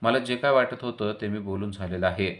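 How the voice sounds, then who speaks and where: Narrator's own low voice as a mischievous younger brother, coaxing and joking. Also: male voice, fairly quick, fairly bright tone, natural voice. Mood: pleading. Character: young man, playful pleading younger brother.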